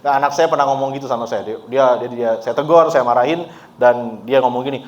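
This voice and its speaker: A man preaching at a church service with an easygoing, conversational manner. His voice sits at an ordinary middle pitch, and he talks to the congregation as if chatting with friends, dropping English words into his speech. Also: fast talker, lo-fi sound. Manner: relaxed and chatty, laughs often, mixes in English words. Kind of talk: conversational sermon.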